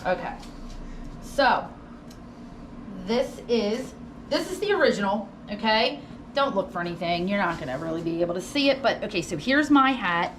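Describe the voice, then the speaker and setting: A woman's voice: mid-range voice, animated, normal speed. A woman working as a ghost tour guide, telling stories casually and conversationally, acting out what people said. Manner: conversational, acts out quoted dialogue. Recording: roomy, distant mic with noticeable background noise.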